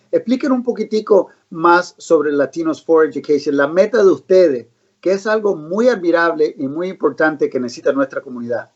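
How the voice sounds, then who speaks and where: A woman hosting a live online interview, asking questions in an upbeat, chatty way. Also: low-pitched. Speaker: host. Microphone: video call. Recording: dull lo-fi live-stream audio.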